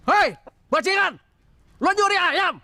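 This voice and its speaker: An actor playing a suspicious, hot-tempered chicken owner in a TV drama, accusing in manner. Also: male voice, very high-pitched, animated, takes it slowly, pushed and bright, no echo, full character voice. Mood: angry. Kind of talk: television drama acting.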